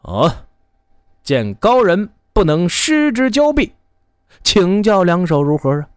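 A man putting on a tipsy martial arts master from a spoken folk tale, dropping his voice lower and drawling. The sound is dry and close to the mic. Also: huge pitch swings, slow, clear, resonant tone, no echo, full character voice. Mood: courteous.

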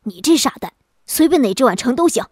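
A short-tempered old grandfather who scolds in a gruff, lowered tone, as a woman puts him on. The recording is dry and close. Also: lively intonation, fast, a little mellow, no echo. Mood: angry.

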